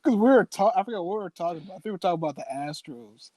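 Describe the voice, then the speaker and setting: A man's voice: high-pitched, rapid-fire. A young man, recently graduated, guesting on a casual podcast and telling stories with laughter. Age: young adult. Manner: animated, laughs through his stories.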